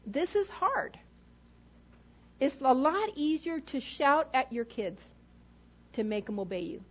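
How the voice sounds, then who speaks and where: A woman's voice: high-pitched, big pitch swings, slow pace, muffled recording. A woman pastor preaching a sermon in an emphatic way, putting rhetorical questions to the congregation.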